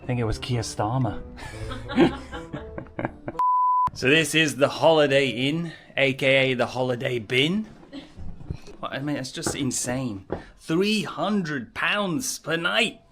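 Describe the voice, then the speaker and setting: A man's voice: medium pitch, takes it slowly, long pauses, music in the background. A British man filming a travel vlog, complaining with exasperated, mocking remarks as he walks through a hotel and city streets. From United Kingdom. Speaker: vlogger.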